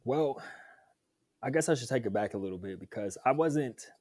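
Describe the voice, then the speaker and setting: In a medium-pitched, darkish voice, a young man who used to play football speaks at normal speed and sounds animated as a podcast guest. He shares his story casually and upbeat, chatting and laughing easily, on a dry recording.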